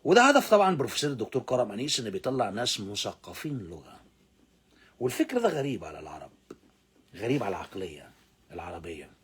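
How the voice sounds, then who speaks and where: Man, Egyptian Arabic accent, English teacher, husky, very lively pitch, drills words slowly. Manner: animated, repeats words slowly for pronunciation drills; swings between loud emphasis and low asides. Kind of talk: English lesson explained in Arabic.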